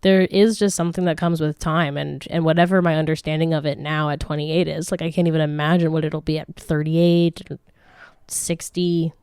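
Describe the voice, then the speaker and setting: Her voice a little low, mellow and smooth, a woman in her late twenties runs a casual question-and-answer podcast with frank, rambling chat, free swearing, frequent laughter and many restarts. Her intonation is fairly even at a moderate pace, and the recording is close and dry in a dead room.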